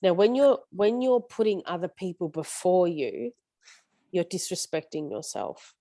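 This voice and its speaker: Woman facilitator, low-ish mellow voice, dry close sound, earnest coaching tone. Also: animated, a little slow, no echo. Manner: earnest, coaching, stumbles over words. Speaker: support group facilitator. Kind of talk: casual group support session.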